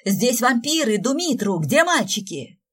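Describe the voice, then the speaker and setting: A woman's voice: on the low side, animated, slow. A woman voicing a scheming witch stepmother with a sweet, hissing voice in an audiobook. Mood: shrieking. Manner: honeyed then hissing.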